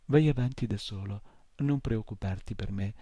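A man voicing a small despairing horse in an audiobook reading, speaking softly and heavily with sorrow. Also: lowish voice, moderate pace, breathy edge, dry recording. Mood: sorrowful. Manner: soft and heavy with sorrow. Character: small despairing male horse, weary and sad.

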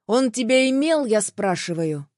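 A woman's voice: fairly high pitch, lively intonation, measured pace, a little mellow, dry recording, studio quality. A woman doing a furious jealous man. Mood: sneering.

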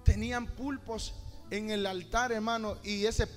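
A middle-aged male pastor delivers a fervent sermon in a high voice that rises to passionate shouts. He speaks in a large hall with a long echo while soft music plays behind him. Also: fairly even intonation, measured pace. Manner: impassioned preaching, rising to shouts.

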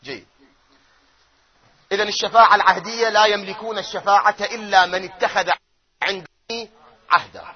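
High-voiced cleric, swinging loud and soft. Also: male voice, steady tone, a little fast, long pauses, dull audio. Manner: rising to loud emphatic chanting of verses, then dropping to quiet asides; asks his audience questions and answers them himself. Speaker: cleric lecturing on doctrine. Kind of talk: religious lecture.

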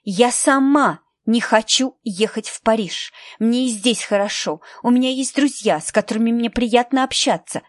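A woman's voice: on the high side, normal speed, hardly any pauses, dry recording, studio quality, voice pushed up, natural voice. A woman voicing a rebellious teenage schoolgirl who talks back indignantly. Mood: defiant. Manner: indignant, defiant.

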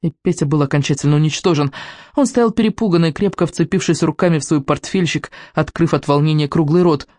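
A man's voice: fairly high pitch, brisk, darkish tone, dry recording. Man narrating a storybook, dry sound. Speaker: audiobook narrator.

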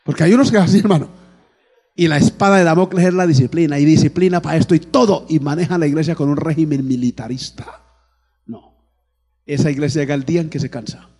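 Preaching quickly in a fairly high, husky voice with a darkish tone, this man leads his congregation as pastor, shouting praise and putting questions to them. "Amén" and "alabado el nombre de Jesús" come up often, all heard through a long hall reverb.

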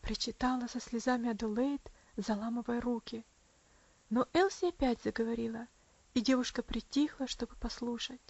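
A woman narrating a sentimental story in a soft, measured manner. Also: on the high side, dry recording, dull audio. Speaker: audiobook narrator. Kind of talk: scripted narration of a sentimental novel.

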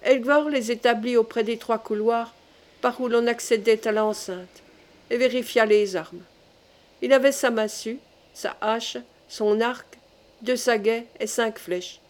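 A woman reading a prehistoric adventure novel aloud in a measured storytelling manner. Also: a little high, steady tone. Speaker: audiobook reader. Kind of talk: scripted narration of a novel.

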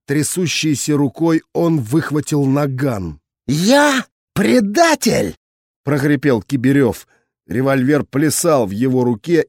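A man narrating a war novel as an audiobook in a dramatic, expressive reading. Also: mid-range voice, no room sound, studio quality. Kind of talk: scripted narration.

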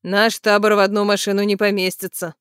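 A man's voice: high-pitched, level tone, brisk, fairly bright tone, clean tone, no room sound, clean studio sound. A woman reading voicing a practical man who grumbles and brushes things off. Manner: grumbling, dismissive. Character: gruff practical older brother, grumbling.

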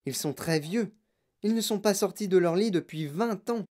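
Brief: earnest little boy, high and eager, read by a man in a storybook. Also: moderate pace, a little mellow, close to an everyday voice. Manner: eager, pleading, raised childish pitch. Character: poor kind young boy.

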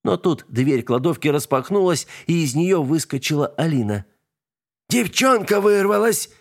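A man reading a story aloud as narrator, in a steady, expressive manner. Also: fairly high pitch, moderate pace. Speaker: audiobook narrator.

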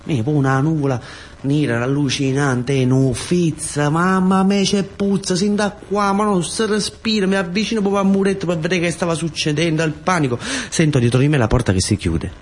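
Speaking at a moderate pace in a slightly high voice, this man from around Taranto in southern Italy delivers a colloquial storytelling monologue as an actor, hammering away at repeated words and phrases. A little background noise is audible.

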